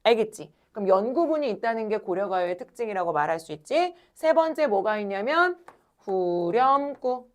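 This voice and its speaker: A woman teaching a classroom lecture, talking straight to her students, asking questions and answering them herself, and stretching words slowly when she demonstrates. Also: mid-range voice. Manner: animated, addresses students directly, asks and answers own questions.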